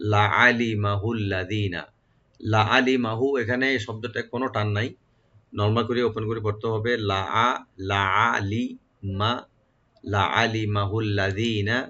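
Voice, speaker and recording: A man teaching Quran recitation. He chants each phrase slowly, repeats it, and then explains how to pronounce it. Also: fairly low pitch, fairly bright tone. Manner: breaks verses into syllables, repeats slowly, then explains pronunciation rules. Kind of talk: step-by-step tajweed lesson. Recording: dull lo-fi recording.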